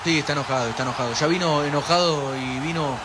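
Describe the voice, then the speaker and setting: Argentine male stream narrator, high voice, lively viewer banter, noisy track. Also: fast talker. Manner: animated, reads viewer chat aloud, pushes for likes. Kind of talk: live pre-match stream commentary. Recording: steady background noise.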